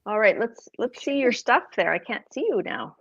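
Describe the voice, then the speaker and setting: A woman's voice: on the high side, lively intonation, normal speed, highs cut off, slight background noise. A woman with a Boston accent casually explaining her craft prints, rambling with lots of fillers and self-corrections. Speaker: craft livestream host.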